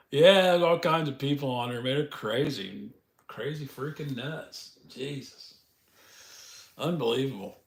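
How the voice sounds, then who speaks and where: A man's voice: medium pitch, slow, long pauses. Folksy guy chatting on his live stream, laughs a lot, kinda echoey room. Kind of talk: casual live-stream chat.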